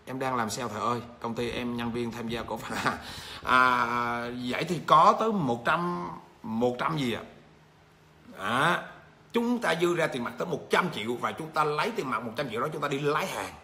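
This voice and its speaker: A male business trainer, teaching a livestream lesson and answering viewer comments in a lively, repetitive way. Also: mid-range voice, normal speed. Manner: animated, repeats phrases, rises sharply when rebutting.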